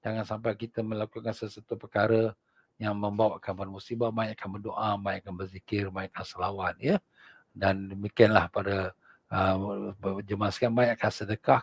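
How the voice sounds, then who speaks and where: A man with a Singaporean Malay accent giving a religious lecture in a mosque, swinging from loud emphatic points to hushed prayers. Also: lowish voice, little pitch movement, a little fast, slightly rough, no echo. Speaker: religious teacher.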